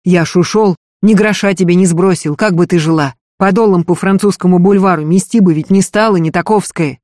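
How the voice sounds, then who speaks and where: A man's voice: high-pitched, fairly quick, a little mellow, dry recording, studio quality, lightly acted. A man as a cheeky young thief. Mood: coaxing. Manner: coaxing, slangy. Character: cheeky young male thief, escaped convict. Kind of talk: audiobook reading.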